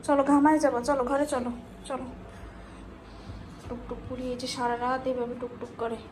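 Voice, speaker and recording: A woman's voice: high-pitched, little pitch movement, brisk, darkish tone, a little hiss or hum, rough recording. A woman, vlogging at home at night and coaxing her toddler daughter in sing-song baby talk. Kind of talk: casual vlog chat to camera and toddler.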